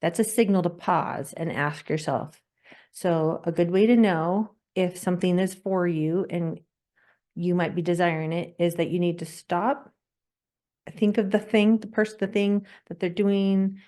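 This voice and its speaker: A woman with a slightly low voice hosts a podcast and walks listeners through a guided breathing exercise. She talks gently, slows down to guide, and laughs often. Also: fairly even intonation. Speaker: podcast host.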